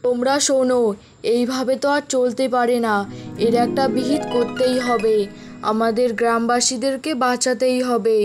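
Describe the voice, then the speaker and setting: A woman's voice: fairly high pitch, flat delivery, normal speed, close to an everyday voice. Woman doing a firm village man. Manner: firm, rousing. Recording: background music.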